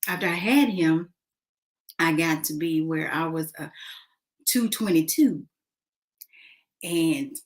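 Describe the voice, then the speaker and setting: A woman speaks in a low, relaxed voice, taking her time. She chats casually to her viewers, filling pauses with ums and uhs. She talks while eating. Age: adult, mother of a son. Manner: chatty, eats while talking, many fillers. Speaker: vlogger. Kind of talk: casual eating and talking vlog.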